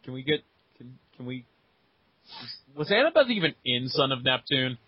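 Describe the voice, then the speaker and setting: A young man co-hosts a casual book talk and speaks eagerly, often stumbling and restarting. His husky voice is very animated in pitch. The audio sounds dull and dry. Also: normal speed, no room sound. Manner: excited, laughing, stumbling restarts. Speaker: podcast co-host. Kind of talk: casual chat. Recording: dull lo-fi recording.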